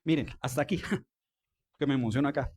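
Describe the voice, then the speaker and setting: A man's voice: mid-range voice, a little fast, darkish tone, breathy edge. A man with a Colombian Spanish accent preaching a sermon in a church, speaking conversationally and asking the congregation questions. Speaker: pastor.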